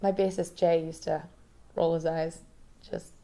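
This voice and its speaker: A woman's voice: deep voice, a little slow, gravelly. A young woman from Rhode Island, a singer-songwriter, chatting casually and laughing through stories in a living room. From Rhode Island, United States. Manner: chatty, laughing, relaxed storytelling. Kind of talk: casual interview.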